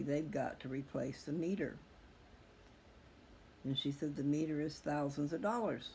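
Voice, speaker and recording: This middle-aged host of a personal video channel thinks aloud to his listeners in a loose, candid, casual monologue that rambles and reflects. His voice is slightly high and a little mellow, and the recording has noticeable background noise.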